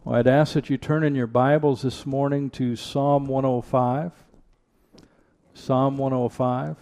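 A man preaching at a pulpit microphone, his voice gravelly and mellow. He delivers an earnest church sermon and drives his points home with repeated rhetorical questions. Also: mid-range voice, level tone, measured pace. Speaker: pastor. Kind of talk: sermon with prayer and scripture reading.

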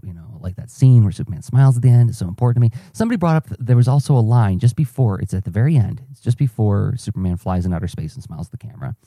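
Solo podcaster, male, deep mellow tone, searching and self-questioning, lots of ums and restarts, dry sound. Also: no room sound. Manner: musing, self-questioning, frequent fillers and restarts. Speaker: podcaster and cartoonist. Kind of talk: reflective solo journal podcast.

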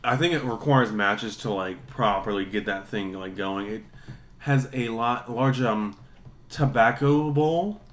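Male co-host, casual chat, teasing banter, mid-pitch. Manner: teasing, jokey, quick asides. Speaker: podcast co-host.

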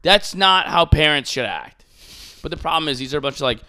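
A man's voice: a little high, expressive, fairly quick, bright, forceful tone, clean tone. A young man hosting a podcast, ranting casually with profanity and mocking imitations of people he disagrees with. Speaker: podcast host.

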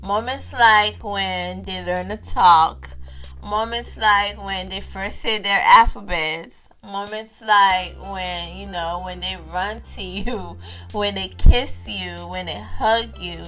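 A mother in her thirties hosts a parenting vlog, casually telling viewers family stories and repeating her phrases. Her voice is mid-range with a sharp tone, and she speaks slowly.

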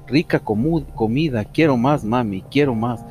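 A man's voice: on the high side, unhurried, voice pushed up, lightly acted. Man doing a whiny baby seagull chick. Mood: eager. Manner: childlike, whiny. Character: hungry newborn seagull chick, eager and clingy. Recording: music under the reading.

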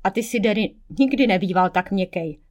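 A woman voicing a greedy, reproachful female fire spirit, a fiery dancer from an audiobook, in a loud, demanding voice. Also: medium pitch, animated, close to an everyday voice.

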